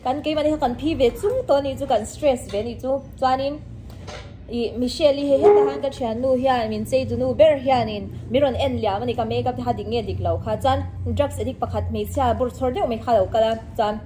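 A woman's voice: a little high, fast talker, dark tone, slight background noise. A young woman vlogging casually about her wedding, chatty and rambling, often laughing as she talks. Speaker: vlogger, half of a married couple. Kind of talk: casual chat.

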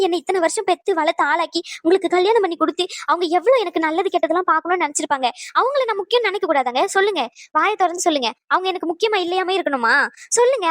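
A woman's voice: very high voice, no room sound, studio quality. A woman voicing a devoted middle-aged daughter in a cartoon, pleading and reproachful. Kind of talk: cartoon voice acting.

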